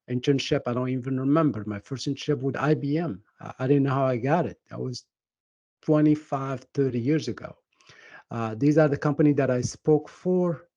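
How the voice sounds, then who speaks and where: Halting Moroccan-accented man presenting a webinar. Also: medium pitch, darkish tone, dry recording, lo-fi sound. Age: middle-aged. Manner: earnest, halting with many fillers and restarts. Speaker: webinar speaker and project management coach.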